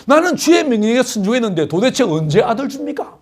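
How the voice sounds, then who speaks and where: A man's voice: very high voice, sing-song, quick pace, darkish tone, exaggerated voice. A man voicing a sulky, impatient aged patriarch who complains bluntly. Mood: sulky grumbling.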